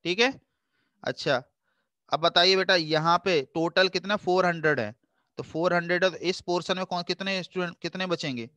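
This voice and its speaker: Patient male math teacher, crisp dry voice. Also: high-pitched, bright, forceful tone, dry recording. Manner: patient, coaxing, calls students "beta"; slows down to read formulas aloud in English. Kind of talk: math revision lecture.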